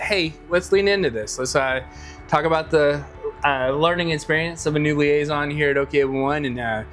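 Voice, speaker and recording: Man, middle-aged, podcast host, upbeat, welcoming, slightly high voice. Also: a bit bright. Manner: upbeat, welcoming, lots of fillers. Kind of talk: casual podcast chat.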